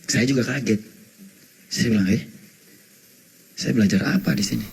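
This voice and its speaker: Seorang pria membagikan kesaksian pribadi dengan penuh emosi, menirukan percakapan dan kadang berteriak gembira, sesekali menyelipkan kata bahasa Inggris. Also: male voice, fairly low pitch, fairly quick, gravelly, breathy edge. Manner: animated storyteller, acts out dialogue, shouts in excitement; mixes in English words. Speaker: testimony speaker. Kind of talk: emotional personal testimony.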